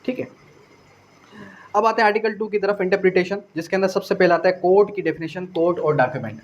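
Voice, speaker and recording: The recording is muffled, and the speaker, a man with a high-sitting voice, talks fast. With a Pakistani accent he delivers a didactic law lecture for exam prep, going point by point, repeating phrases, posing rhetorical questions, and using English legal terms.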